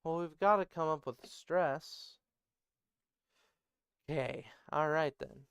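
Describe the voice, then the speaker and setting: A man's voice: a little high, takes it slowly, creaky, clear, resonant tone, dry recording, clean studio sound. A man thinking aloud as he works on an invented language, muttering and correcting himself. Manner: muttering, self-correcting, musing. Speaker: conlang creator. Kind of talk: thinking aloud while working.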